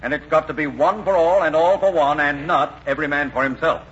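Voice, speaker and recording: An actor playing a pompous, self-important mayor in a 1940s radio comedy. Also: male voice, on the high side, brisk, fairly bright tone, lightly acted. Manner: pompous, speechifying. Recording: dull vintage radio broadcast.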